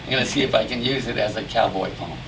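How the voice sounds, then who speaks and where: A man reciting cowboy poetry as drawn-out storytelling verse, with folksy rustic diction and dramatic pauses. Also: on the low side, creaky. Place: live poetry reading at a venue. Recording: distant mic in noisy live room.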